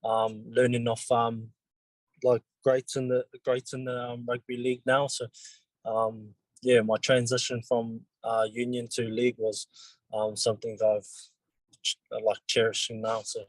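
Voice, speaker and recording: A man in his twenties from New Zealand, a rugby league player, gives casual interview answers marked by many pauses and false starts. His mid-range voice is flat, and the low-quality recording has no echo.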